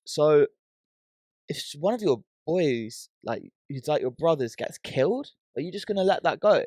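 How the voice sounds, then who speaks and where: A man's voice: on the high side, lively intonation, moderate pace, mellow, dry recording, clean studio sound. A British man hosting a podcast in casual, slangy chat, often tagging his points with "bro" or "yeah". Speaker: podcast host.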